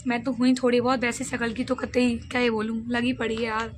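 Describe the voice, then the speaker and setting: A young woman with a high voice talks straight to her viewers in a casual home vlog. She is a college student who chats fast and loosely, running from one thought to the next. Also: level tone, background noise. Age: young adult. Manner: fast, chatty talker. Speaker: vlogger. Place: at home indoors.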